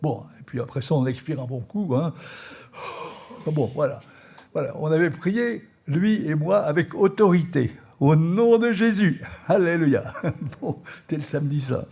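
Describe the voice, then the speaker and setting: Mellow, husky-voiced man telling a story. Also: fairly high pitch, normal speed. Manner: storytelling with many fillers and soft chuckles. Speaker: priest giving a training talk. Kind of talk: anecdotal spiritual teaching. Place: live session before an audience.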